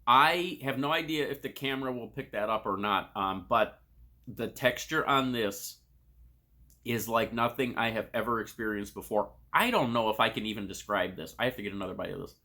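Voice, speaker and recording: A man with a bright, crisp-edged voice hosts a casual food review. He speaks straight to the camera in an informal way, tasting and crunching chips between his comments. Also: medium pitch, moderate pace. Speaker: snack review host.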